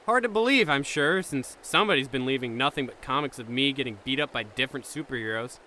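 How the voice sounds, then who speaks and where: A man's voice: medium pitch, lively intonation, fast talker, sharp tone. A man playing an exasperated squad corporal who barks orders at his soldiers, in a comedic audio drama. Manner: barking orders, impatient.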